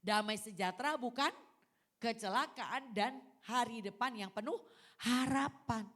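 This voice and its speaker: A woman preaching a sermon in church, asking the congregation questions and telling personal stories in an animated way. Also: a little high, unhurried. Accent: Indonesian. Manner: animated, asks the congregation questions and answers them. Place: church service.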